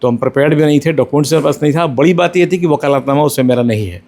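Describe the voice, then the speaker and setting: A middle-aged male lawyer answering interview questions, explaining step by step in a measured way and mixing in English legal terms. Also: on the high side, darkish tone.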